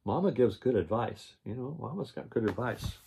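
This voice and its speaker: A man's voice: mid-range voice, lively intonation, normal speed, creaky, dark tone, slight background noise. An older man with a grandpa voice, reading a children's picture book aloud and adding explanatory asides. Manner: grandpa voice, explains and repeats story points.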